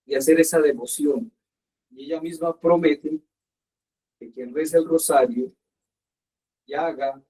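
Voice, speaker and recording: A man giving a sermon as a priest, earnest and emphatic, slowing down to stress his points. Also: fairly high pitch, a little mellow, distant mic, rough recording. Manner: earnest, slow emphatic preaching with pauses.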